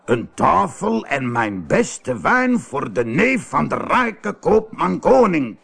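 A man voicing a fawning male innkeeper in a storybook, speaking slowly and raised in pitch. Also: very animated, gravelly, breathy edge, exaggerated voice. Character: sly, slow-talking male innkeeper, fawning.

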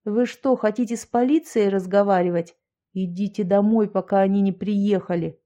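A woman's voice: medium pitch, fairly even intonation, moderate pace, dark tone, natural voice. A woman voicing a stern, curt man who chases people out of the woods. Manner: curt, hostile.

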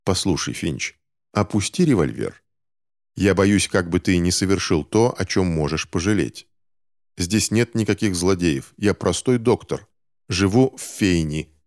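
A man reading an audiobook, voicing an adult male doctor who speaks in a measured, reasoning, persuasive way. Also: sits low, animated, darkish tone, dry recording, clean studio sound. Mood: calm, reasoning. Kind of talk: audiobook character voice.

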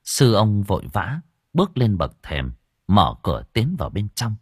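Brief: male audiobook narrator, low husky voice, lively expressive delivery, dry close sound. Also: moderate pace, no room sound. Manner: expressive storytelling. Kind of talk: storytelling narration.

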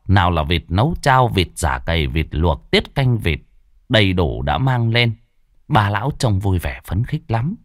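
Guy telling a funny ghost story, low voice, dry close mic. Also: no room sound. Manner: lively, mocking storytelling. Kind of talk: comic ghost story narration.

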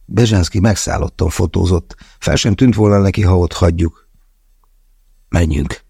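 A man's voice: low voice, steady tone, vocal fry, dark tone, breathy edge, dry recording, studio quality. A man narrating a first-person novel as an audiobook, wry and conversational in his storytelling.

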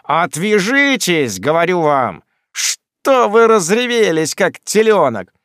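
Sam Weller, a cocky shouting manservant, voiced by a man. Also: a little high, big pitch swings, a little slow, dry recording, studio quality. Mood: angry shouting. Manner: loud, mocking, threatening shouts. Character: brash cocky young manservant, bullying, quick-tongued.

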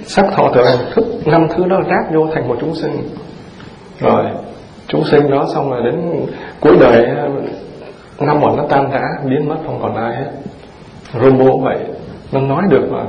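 A man's voice: medium pitch, moderate pace, gravelly, a crowd in the background. A male Buddhist monk gives a dharma talk in a mid-range voice, drawing in his listeners with homely jokes and one question after another. The recording is roomy and muffled, and a large audience is heard in the room. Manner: lively rhetorical questions to the audience, folksy and humorous. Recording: roomy dull hall recording with audience present.

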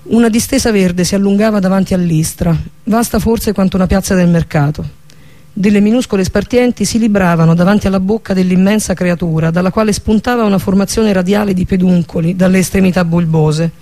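A man narrating a fantasy audiobook with a steady, even reading manner. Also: sits high, fairly quick. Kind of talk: scripted narration of a fantasy novel.

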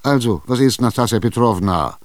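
A man's voice: medium pitch, expressive, moderate pace, no echo, voice pushed up, natural voice. A man playing a pushy, exasperated schemer. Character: impatient, scheming middle-aged male buyer. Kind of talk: radio drama reading.

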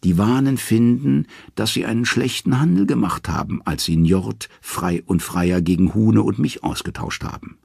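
A man's voice: on the low side, moderate pace, gravelly, few pauses, a little mellow, breathy edge, no echo, studio quality, pitched above the performer's own voice. A man voicing the talking severed head of a wise old man in a storybook reading, grave and explanatory.

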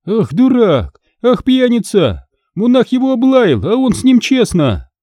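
A man voicing a shrill, furious peasant wife who screeches and scolds. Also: huge pitch swings, a little slow, mellow, no room sound, clean studio sound, heavily acted. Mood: furious scolding. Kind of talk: audiobook character reading.

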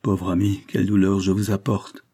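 A man reading the part of a dying woman who speaks faintly and gently, in an audiobook. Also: low-pitched, little pitch movement, normal speed, breathy edge, no room sound. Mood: faint tender. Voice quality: faint, fading. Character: dying wife, a woman, weak and resolved.

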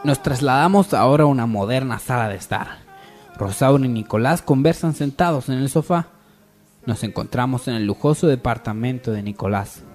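A man's voice: medium pitch, moderate pace, darkish tone, soft background music. A man narrating a radio soap opera from a script, setting each scene as storyteller.

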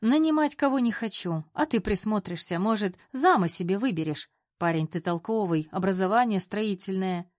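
A woman's voice: mid-range voice, expressive, normal speed, few pauses, no echo, clean studio sound, lightly acted. A woman voicing a cheerful, persuasive older uncle who talks in a folksy, coaxing manner.

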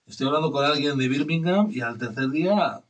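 A man's voice: medium pitch, fairly quick, recorded from a distance. A man from northern Spain with a Basque accent, hosting a community radio show and telling a rambling, self-deprecating story. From northern Spain, Basque region. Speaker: radio host. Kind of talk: casual radio chat.

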